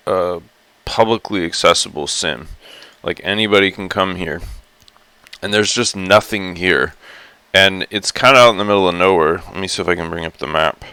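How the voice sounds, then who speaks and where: A man in a rough, gravelly morning voice, rambling chattily through a casual live stream with lots of fillers and restarts. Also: deep voice, bright, forceful tone, no echo. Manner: rambling, chatty, many fillers and self-corrections. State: groggy just-woken morning voice. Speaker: live streamer exploring a virtual world.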